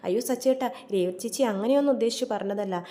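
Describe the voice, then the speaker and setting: A woman's voice: on the high side, rapid-fire, dark tone, natural voice. Woman voicing a blunt young sister-in-law. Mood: reproachful. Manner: reproachful, blunt.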